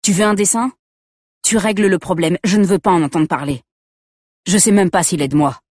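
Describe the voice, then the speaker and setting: A woman's voice: lowish voice, a little fast, darkish tone, no echo, studio quality, close to an everyday voice. A woman voicing an angry, controlling young man who talks coldly and accusingly, in a first-person story reading. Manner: cold and accusing, shifting to coaxing.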